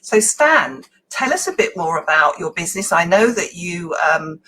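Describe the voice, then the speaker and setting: A woman with a somewhat low, breathy-husky voice hosts in a casual, chatty style. She speaks informally, as if introducing someone to a familiar group. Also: very animated, normal speed, bright, forceful tone, rough recording. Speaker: host.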